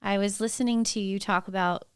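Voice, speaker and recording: A woman's voice: mid-range voice, steady tone, a little fast, clear, resonant tone, no echo, studio quality. Upbeat woman hosting a show. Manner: upbeat, enthusiastic. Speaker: podcast host. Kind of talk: interview host, casual chat.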